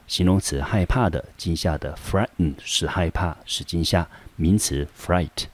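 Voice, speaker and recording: Male English teacher with a Taiwanese Mandarin accent and a very low voice, explaining words step by step in a lesson. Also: unhurried. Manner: asks and answers his own questions, frequent "好" fillers. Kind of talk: classroom vocabulary lesson.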